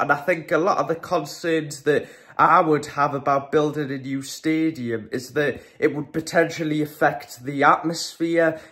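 A man's voice: fairly high pitch, a bit bright. A teenage guy vlogging to camera at home, chatty and opinionated, with frequent ums and restarts. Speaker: football vlogger. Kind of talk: casual vlog to camera. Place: small room at home, indoors.

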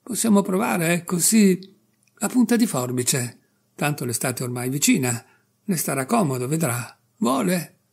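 A man reading aloud and voicing an anxious, apologetic middle-aged barber who keeps coaxing and pleading, in a husky, gravelly voice. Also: on the high side, very animated, moderate pace, heavily acted. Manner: apologetic, wheedling, nervous.

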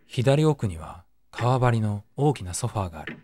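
A man's voice: on the low side, sing-song, normal speed, darkish tone. A man streaming, narrating a horror game dramatically and breaking off for joking asides.

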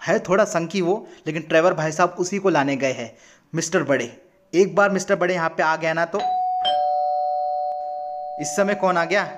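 A man's voice: on the high side, moderate pace, long pauses, lightly acted. A man playing an urgent young hero. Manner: urgent pleading. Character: earnest young male hero rallying allies.

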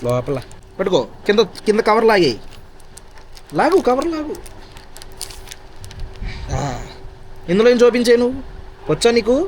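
A man's voice: high voice, sing-song, a little slow, pauses often, a little hiss or hum. A man vlogging casually outdoors in a village, teasing and chatting playfully with a small child. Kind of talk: casual daily vlog chatter. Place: outdoors in a village, by water and fields.

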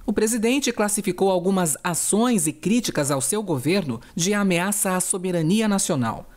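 A woman news correspondent narrating a scripted report in a steady, even delivery. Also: mid-range voice, normal speed.

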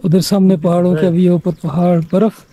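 A man's voice: sits high, little pitch movement, moderate pace, warm tone. A man vlogging outdoors on a mountain trail, pointing out the scenery to viewers as he climbs, recorded on a handheld camera. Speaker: travel vlogger. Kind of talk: casual commentary while hiking.

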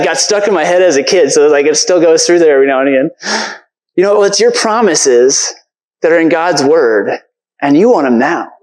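A man's voice: fairly high pitch, darkish tone, poor audio. A man preaching a casual, earnest sermon from a church stage, talking conversationally with lots of fillers.

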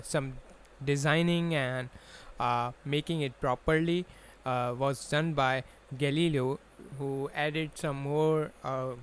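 Clear-voiced man giving a lecture. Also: a little high, a bit bright. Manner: explanatory, restating points in simple terms. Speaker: biology lecturer. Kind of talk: slide lecture explanation. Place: voice-over recorded over slides.

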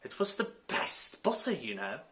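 A man voicing a meek, gloomy male hare in a storybook reading, quiet and mild. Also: mid-range voice, very animated, normal speed.

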